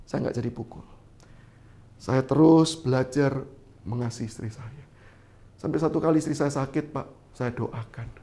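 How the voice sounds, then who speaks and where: A man's voice: mid-range voice, normal speed, pauses often, warm tone. A man, preaching a sermon as an evangelist and telling a story while acting out the people in it. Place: church online service.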